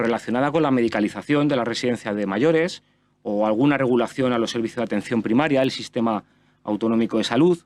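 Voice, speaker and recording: A man's voice: mid-range voice, no echo. A man with a Spanish accent speaking in a regional parliament, delivering a critical, insistent speech with small restarts. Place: parliamentary chamber.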